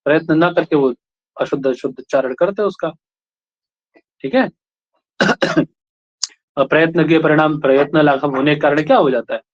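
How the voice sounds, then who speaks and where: A man's voice: fairly high pitch, moderate pace, pauses often. A man from India teaching a class, explaining points and checking in with the students with short questions. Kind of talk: classroom lecture. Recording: lo-fi classroom recording.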